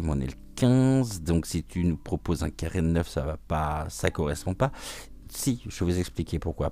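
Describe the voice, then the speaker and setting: Soft-spoken deep-voiced man reading cards. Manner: hesitant, frequent filler pauses; soft, soothing, welcoming. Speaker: oracle card reader, channel host. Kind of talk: gentle morning card-reading talk.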